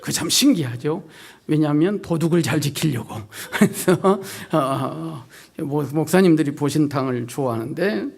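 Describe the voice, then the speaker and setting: A man's voice: fairly high pitch, expressive, unhurried, vocal fry, a little mellow, breathy edge. A male pastor giving an evening revival sermon in a church, joking and folksy, drawing out his words and asking the congregation questions. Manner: joking, folksy, draws out words, asks the crowd. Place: church sanctuary.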